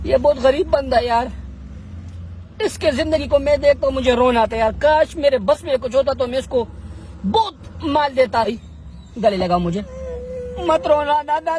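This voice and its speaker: A man's voice: very high-pitched, darkish tone, a little hiss or hum. Pleading man on a street. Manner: pleading, wheedling, mock-tearful. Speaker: street interviewer. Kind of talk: coaxing street confrontation.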